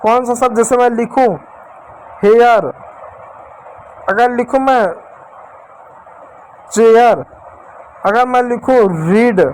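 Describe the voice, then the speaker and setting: A man's voice: very high-pitched, fairly even intonation, a little fast, few pauses. A man teaching a lesson to children, speaking to them directly and checking in often. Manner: addresses children directly, repeats and checks with "ठीक है". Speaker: English teacher. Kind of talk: classroom-style lesson for children.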